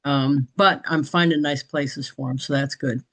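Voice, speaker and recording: A woman's voice: extremely low pitch, steady tone, moderate pace, fairly bright tone, slight background noise, low-quality recording. A woman chatting casually in a group meeting, rambling along with frequent restarts and light laughter. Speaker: business training participant.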